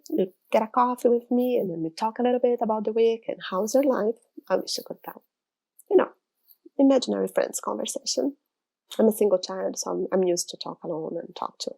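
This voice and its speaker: Talking to camera in her studio, this Brazilian woman in her thirties speaks English as a second language, her first being Portuguese, and rambles with frequent restarts as an illustrator vlogger. She has a mid-range, dark voice with vocal fry.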